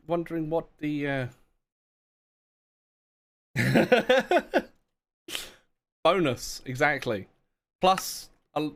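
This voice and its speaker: A man's voice: on the high side, fairly bright tone. A man chatting casually on a live game stream, rambling, self-mocking and laughing often. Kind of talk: casual live-stream chat while gaming.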